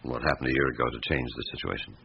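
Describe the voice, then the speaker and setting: An actor in a radio drama playing a shrewd, persistent chief inspector who questions in a blunt, businesslike way. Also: male voice, rumbling low, rapid-fire, creaky. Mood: blunt, firm. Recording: dull radio recording with background hiss.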